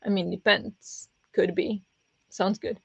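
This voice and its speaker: Chatty woman with a pressed, raspy-prone voice. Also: medium pitch, flat delivery, slow pace, no room sound. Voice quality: pressed voice that turns raspy easily. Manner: rambling, with many fillers and restarts. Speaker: book streamer hosting reading sprints. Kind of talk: casual livestream chat with viewers. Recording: dull lo-fi dry sound.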